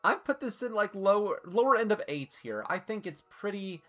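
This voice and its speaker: A woman's voice: mid-range voice, lively intonation, moderate pace, fairly bright tone, faint music behind. Hiccuping, chatty woman streamer, swearing. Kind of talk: casual live-stream chat ranking costumes.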